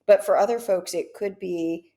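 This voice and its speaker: This business podcast co-host has a warm, fairly low voice and talks at a moderate pace. Her manner is upbeat and casual, and she frequently checks in with listeners by adding "right?" to her points.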